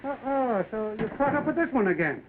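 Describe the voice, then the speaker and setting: A sardonic, teasing man talks slang in a high voice. The delivery is 1930s film acting. The sound is narrow and tinny, with faint noise. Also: very animated, fairly quick. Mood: grumbling.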